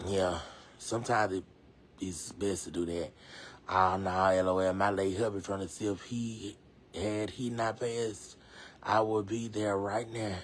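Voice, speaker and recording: A man casually reading viewer comments aloud on a live stream, chatty and slangy, reacting loudly and laughing. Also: on the low side, little pitch movement, measured pace, slight background noise.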